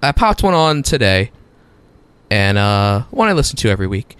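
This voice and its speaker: A young man co-hosting a podcast, telling a story in casual chat, animated and swearing. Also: on the low side, normal speed, clean tone, no room sound. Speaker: podcast co-host.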